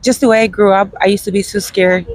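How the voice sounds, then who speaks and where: A woman from Guatemala, interviewed outdoors in front of a restaurant, answering in a halting, hesitant way with many pauses and fillers. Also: medium pitch, steady tone, a little mellow, no room sound, low-quality recording. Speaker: interview guest. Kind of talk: unscripted street interview.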